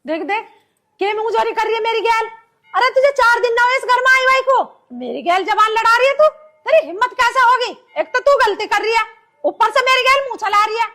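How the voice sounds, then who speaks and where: A woman's voice: extremely high pitch, brisk. An actress playing a harsh, nagging older mother-in-law with a Haryanvi accent in a village film drama. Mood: angry. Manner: nagging, sharp-tongued.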